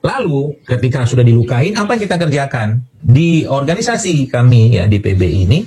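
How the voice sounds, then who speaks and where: A man's voice: mid-range voice, very animated, a little fast, dark tone, breathy edge. A man from Indonesia giving a health talk to an audience as a doctor, explaining with everyday analogies and a lot of fillers.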